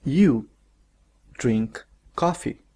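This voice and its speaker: A man teaching English grammar, explaining slowly and carefully and stretching out each English example sentence. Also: medium pitch, expressive, mellow, breathy edge. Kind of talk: recorded grammar lesson.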